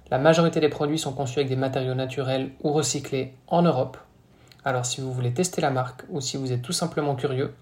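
A man, a podcast co-host, reads a scripted sponsor message. His delivery is brisk and smooth, with a mid-range voice. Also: mid-range voice, a little mellow. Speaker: podcast co-host and brand founder. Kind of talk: scripted ad read.

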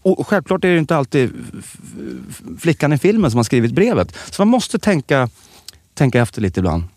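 Animated man telling a story. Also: no room sound, studio quality. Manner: animated storytelling, lively pitch. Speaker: podcast co-host. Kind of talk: casual chat.

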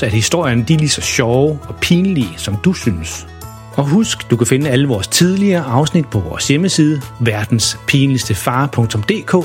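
A man narrating a funny children's story in a playful, lively way. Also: medium pitch.

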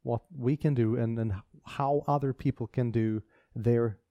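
A man's voice: mid-range voice, steady tone, a little slow, warm tone, no room sound, highs cut off. A man co-hosting a casual tech podcast, talking with enthusiasm and frequent restarts. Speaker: podcast co-host.

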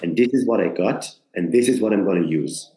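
This Israeli actor has a low, dark voice and talks fairly quickly as an interview guest. He's earnest, often restarting as he searches for words, and the conversational recording carries a roomy echo.

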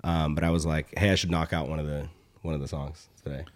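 A young man with a slightly hoarse, rumbling low voice hosts a podcast, chatting casually with little pitch movement. He rambles and halts, swearing casually now and then.

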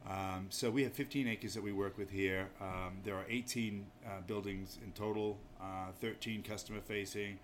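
An inn owner from Maine, United States, chats casually as an interview guest in a small pub off the inn lobby. His lowish voice is fairly even, at normal speed with few pauses, and he comes across as hesitant, modest and understated over faint background noise.

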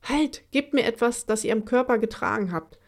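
A woman's voice: on the high side, normal speed, pitched above the performer's own voice, natural voice. A woman voicing a big, stern female forest creature who grumbles and gives orders in a children's audiobook. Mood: firm. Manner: gruff, commanding.

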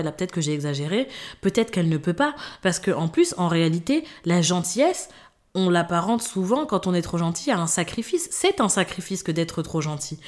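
A woman's voice: lowish voice, a little mellow. A woman hosting a podcast, talking casually and directly to the listener and repeating words for emphasis. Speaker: podcast host. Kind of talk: casual advice monologue.

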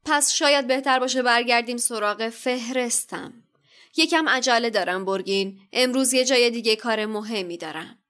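A woman's voice: medium pitch, pushed and bright, close to an everyday voice. A woman voicing a cold, haughty aristocratic wizard father with a clipped, disdainful manner. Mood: curt.

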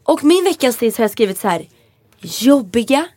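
Animated Swedish podcast woman, dry sound. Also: on the high side, dry recording. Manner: animated storyteller, acts out quotes. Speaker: podcast co-host. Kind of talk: casual chat.

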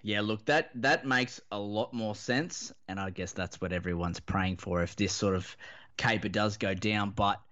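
On a fantasy rugby league podcast, a male panellist with an Australian accent chats casually about sport in a laconic, blokey, slangy drawl. His voice is on the low side but fairly bright, at a moderate pace, and the audio is dull and lo-fi.

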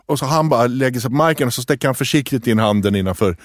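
A man co-hosting a casual podcast chat, telling stories with lively acted-out quotes. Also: mid-range voice, dry recording, clean studio sound. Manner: lively storytelling, acts out quotes. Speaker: podcast co-host.

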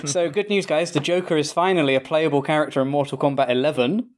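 A man's voice: a little high, quick pace. A man appearing as a guest on a podcast, sharing news in an upbeat casual way. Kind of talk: casual chat.

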